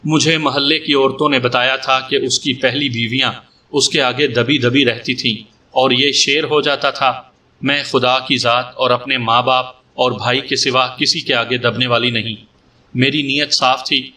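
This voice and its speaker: A man's voice: medium pitch, fairly even intonation, sharp tone, recorded from a distance, lightly acted. A man reading the part of a young woman making a frank, defiant statement to a police officer, in a story reading.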